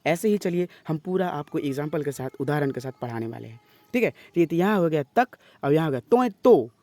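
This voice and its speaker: A man's voice: fairly high pitch, animated, darkish tone, dry recording. A male teacher giving an exam-prep lesson, explaining step by step, repeating phrases and often checking in with his students. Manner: reads example sentences slowly and emphatically.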